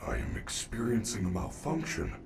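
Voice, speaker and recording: An actor voicing a gentle, polite animatronic bear care robot in a video game, speaking in formal, even sentences. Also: male voice, mid-range voice, normal speed, over a noisy crowd, close to an everyday voice. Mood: calm, polite.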